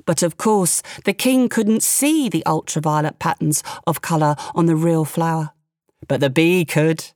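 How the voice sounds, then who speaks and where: Expressive woman telling a story. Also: low-pitched, measured pace, no echo, studio quality. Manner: expressive, with playful asides. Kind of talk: storytelling narration.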